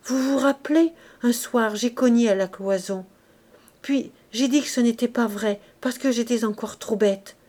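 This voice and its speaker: A woman's voice: fairly high pitch, moderate pace, mellow, pitched above the performer's own voice, lightly acted. A woman reading aloud, voicing a destitute, desperate woman who pleads in a raised voice. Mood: pleading.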